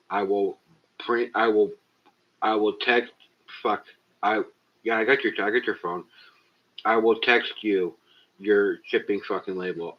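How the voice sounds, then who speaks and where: Lowish-voiced guy streaming from home, swears a bunch, muffled lo-fi webcam mic. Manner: profane, exasperated, talks straight to chat. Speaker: livestream host. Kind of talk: casual live-stream chat with viewers. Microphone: cheap webcam built-in mic.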